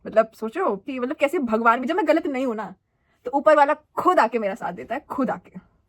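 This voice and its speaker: A young adult woman telling a school story in a chatty, animated and dramatic way for her vlog. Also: high-pitched, normal speed. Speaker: vlogger.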